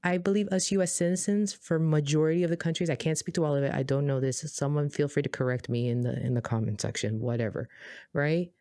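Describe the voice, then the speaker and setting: A woman from Boston co-hosting a podcast, telling stories in an animated, emphatic, casual way. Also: deep voice, quick pace, no room sound, studio quality. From Boston, USA. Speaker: podcast co-host.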